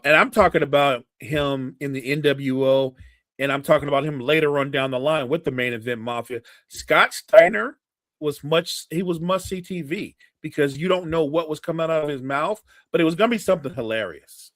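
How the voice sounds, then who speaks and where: A man co-hosting a podcast in casual chat, talking haltingly with many restarts and fillers. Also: fairly high pitch, a bit bright, dry recording. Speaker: podcast co-host. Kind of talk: casual chat about wrestling.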